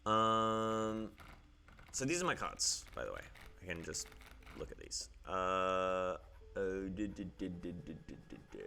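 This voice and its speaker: A man's voice: sits low, animated, unhurried, gravelly, sharp tone, a little hiss or hum. A man giving casual, playful commentary while playing a card game, thinking aloud and bursting into squeals and laughter. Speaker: gameplay streamer.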